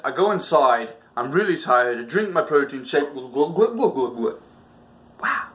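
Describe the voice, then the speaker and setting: His voice is mid-range, a bit bright, and very animated, and he speaks slowly as he hosts a comedic storytelling video. The man exaggerates everything theatrically, performing his reactions and throwing in sound effects as he tells personal anecdotes.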